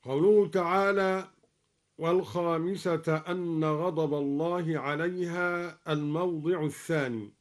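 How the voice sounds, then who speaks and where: A man explaining recitation variants in a measured voice, then chanting the verses in a slow, melodic, drawn-out style for a radio broadcast. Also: on the high side, steady tone. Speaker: Quran recitation teacher. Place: radio studio.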